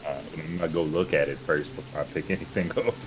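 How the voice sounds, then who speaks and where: A man's voice: a bass voice, steady tone, fast, poor audio. A man playing a tabletop game, bantering and joking with the others. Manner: joking, playful. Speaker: player. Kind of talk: tabletop role-play banter.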